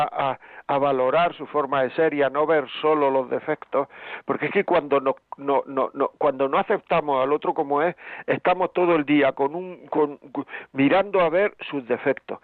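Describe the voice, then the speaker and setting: A man's voice: a little high, no echo. A man presenting relationship advice on the radio, talking emphatically and repeating himself with rhetorical questions. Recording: phone-like band, dry.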